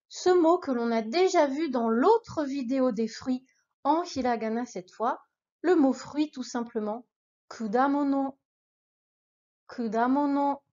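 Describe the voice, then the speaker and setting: A woman with a high, slightly mellow voice gives a beginner language lesson on lo-fi audio. She patiently leads repeat-after-me drills, cheers the listener on, and speaks to them informally.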